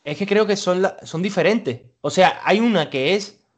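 A man's voice: high-pitched, normal speed. A man from Ceuta, Spain, co-hosting a podcast in casual, jokey chat, rambling and playful. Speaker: podcast co-host.

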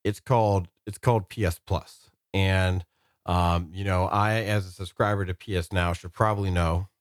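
A man's voice: low-pitched, steady tone, normal speed, no room sound, clean studio sound. A man co-hosting a casual podcast, explaining things in a wordy way and rephrasing as he goes. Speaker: podcast co-host.

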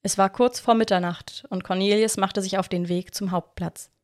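A woman narrating a children's adventure story in a calm, even reading voice. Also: mid-range voice, normal speed.

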